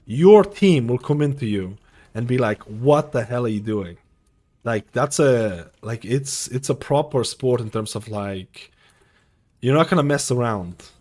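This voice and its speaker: A Lithuanian man in his thirties streams from a room at home, chatting casually with viewers in a mid-range, animated voice that's a little slow and a bit mellow. He rambles, repeats himself, and leans heavily on fillers.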